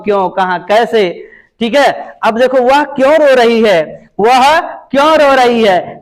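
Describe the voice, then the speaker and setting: A man teaching English grammar in Hindi. He asks questions and answers them himself, and he says each English example sentence slowly. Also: extremely high pitch, rough recording. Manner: slow, drawn-out reading of English example sentences. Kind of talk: Hindi classroom-style grammar lesson.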